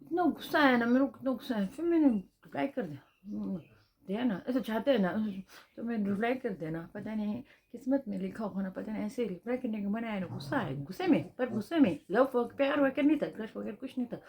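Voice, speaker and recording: A woman's voice: fairly high pitch, animated, fast, a little mellow. A Tibetan woman with a Tibetan accent, telling a personal story in a chatty vlog, repeating phrases and tagging questions as she goes. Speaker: vlogger.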